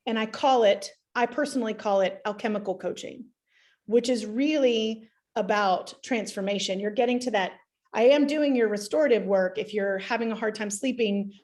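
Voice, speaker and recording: A woman's voice: on the high side, darkish tone. A woman answering a student's question in a live online class, talking casually and often restarting her sentences. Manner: chatty, self-interrupting, restarts sentences. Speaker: energy practitioner teaching a class. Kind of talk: live Q&A teaching, casual explanation.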